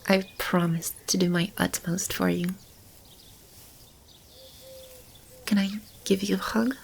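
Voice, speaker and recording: Playing a kindly demon who protects animals and a lost child, a woman speaks in a mid-range, steady voice at a moderate pace, lightly acted and carrying a faint hiss or hum. Her mood is moved and happy, her delivery soft, soothing, tender and close, often near a whisper in this ASMR roleplay. Clear animal and bird sounds fill the background.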